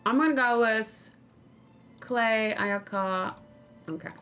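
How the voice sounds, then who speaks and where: A woman streams a game with soft music playing behind her, informally talking through her play and chatting with viewers. She speaks at a slow pace in a fairly bright voice that sits on the high side.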